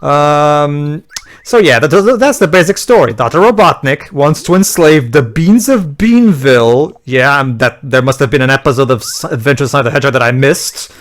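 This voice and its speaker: A man hosting casual video game commentary, halting and often repeating words as he explains. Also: a little high, lively intonation, fairly bright tone.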